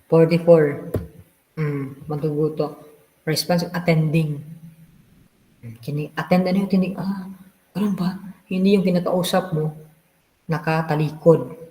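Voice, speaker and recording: A man's voice: fairly high pitch, fairly even intonation, unhurried, long pauses, mellow, a little hiss or hum. Man teaching in a reverberant room. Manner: Taglish code-switching, teasing rhetorical questions. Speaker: exam review lecturer. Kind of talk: online review class lecture. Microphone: video call.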